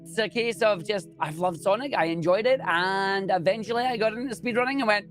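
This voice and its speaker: A young Scottish speedrunner, appearing as a guest, chats enthusiastically and jokily in a casual interview. His voice sits high with a fairly bright tone, and he talks fairly quickly. Faint music plays behind him.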